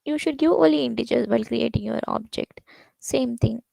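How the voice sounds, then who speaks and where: A woman teaching a live programming lecture, explaining quickly with many restarts and fillers. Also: fairly high pitch, vocal fry, warm tone, dry recording, rough recording. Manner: talks fast. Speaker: programming instructor.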